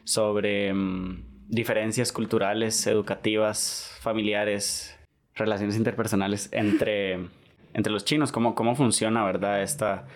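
Man, podcast host, lowish pitch, chatty, repeats tag questions. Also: level tone, a little slow. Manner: chatty, repeats himself, lots of "¿verdad?". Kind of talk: casual podcast chat.

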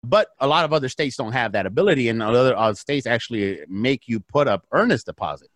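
A man talking through deals as a podcast guest, swinging from hushed asides to emphatic bursts. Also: mid-range voice, lively intonation, fast, no room sound. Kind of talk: casual podcast talk. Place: Arizona.

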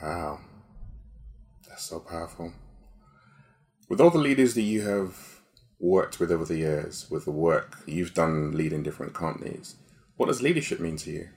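A man's voice: sits low, animated, moderate pace, long pauses, darkish tone. A man hosting an interview, responding to his guest with enthusiastic affirmations and asking about leadership. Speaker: podcast host. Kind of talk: interview chat.

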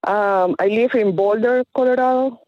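A woman calling in to a radio show over a phone line, speaking in a hesitant, halting way with many fillers. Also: on the high side, dry recording. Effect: caller heard over a phone line. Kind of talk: phone-in conversation. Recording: dull phone-line sound.

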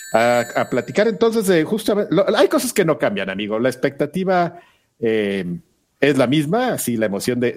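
A man with a Mexican accent hosting a casual chat, speaking colloquially and a little hesitantly as he meanders through his thoughts. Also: medium pitch. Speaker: host.

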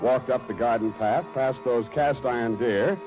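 An American actor playing a wry, cocky, mock-pompous private detective in a 1940s radio drama. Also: male voice, medium pitch, normal speed, over music, lightly acted. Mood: wry narrating. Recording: dull vintage radio recording.

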